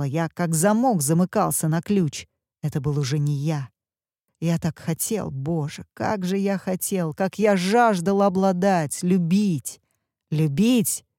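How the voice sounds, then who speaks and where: A woman's voice: lowish voice, mellow, no room sound, studio quality, lightly acted. A woman reading an audiobook, voicing a handsome young male villain who snarls in desperate, anguished outbursts.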